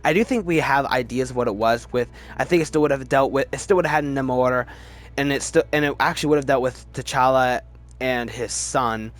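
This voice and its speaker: Speaking a little fast at medium pitch, a man hosts a video ranking films. He gives emphatic, opinionated, casual review commentary, frequently stammering and repeating words.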